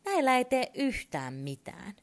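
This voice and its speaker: A woman's voice: high-pitched, very animated, voice pushed up. A woman voicing an impatient, bossy little toy bear in a storybook reading. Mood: brisk. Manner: bossy, exclaiming. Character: small toy bear, brisk, impatient and fussy.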